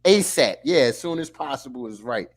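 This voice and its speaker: A man's voice: medium pitch, lively intonation, moderate pace. A man hosting a casual fan post-game show, talking emphatically and playfully. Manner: emphatic, playful, talks over others. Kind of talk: casual sports chat.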